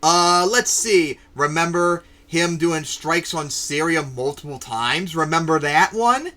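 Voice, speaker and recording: A man's voice: fairly high pitch, slow pace, sharp tone. A man hosting a casual political chat show, ranting and swearing, with many fillers. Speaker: podcast host.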